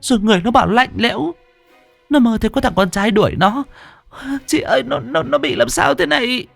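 A man's voice: very high voice, animated, brisk, vocal fry, fairly bright tone, dry recording, soft background music, pitched above the performer's own voice, heavily acted. A male narrator voicing a frightened young woman who stammers in panic. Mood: panicked.

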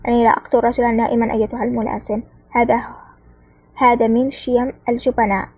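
A woman reading the lines of a calm, cool-headed male spy hero in an audiobook, speaking firmly and wryly. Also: fairly high pitch, racing, breathy edge, dry recording, dull audio. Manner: calm, firm, wry.

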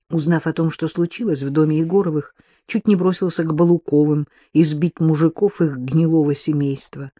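A man narrating a novel as an audiobook in an even, measured storytelling manner. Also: a little high, dry recording, clean studio sound. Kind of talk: scripted narration.

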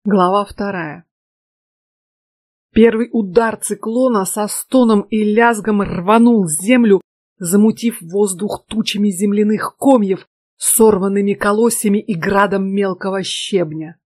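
A woman narrating an audiobook in a measured, steady way. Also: mid-range voice, dry recording. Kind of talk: scripted narration.

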